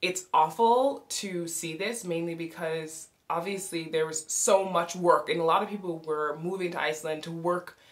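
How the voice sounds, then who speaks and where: Speaking at a moderate pace with few pauses, this woman's voice is on the low side. She is an American vlogger and podcast host in her thirties, cheerfully explaining things to camera in casual talk from a small, sloped-ceiling bedroom.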